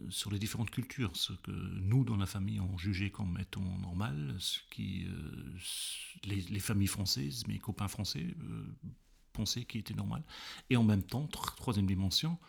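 Male guest, husky and gravelly, halting and thoughtful delivery. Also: lowish voice. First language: German. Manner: hesitant, many fillers and restarts while recounting. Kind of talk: interview conversation.

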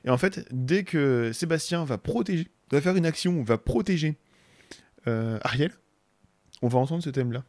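A French man talks film music in a loose, rambling way, stumbling through restarts and sometimes humming a melody. His voice sits at an ordinary pitch and is recorded very close and dry. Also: lively intonation, moderate pace, darkish tone, no room sound. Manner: rambling, many restarts, hums tunes. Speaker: podcast co-host. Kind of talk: casual chat about film music.

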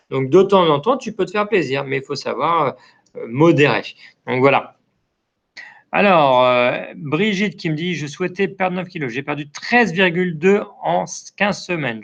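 French man hosting a live chat, gravelly. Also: on the high side, fairly bright tone, lo-fi sound. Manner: friendly, many hesitations and "euh" fillers. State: dry throat. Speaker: online community manager hosting a live chat. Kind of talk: casual live-stream chat, reading out viewer comments.

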